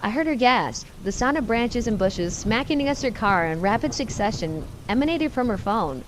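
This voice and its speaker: A woman's voice: on the high side, expressive, moderate pace, background noise. A woman giving tense, first-person scripted horror story narration.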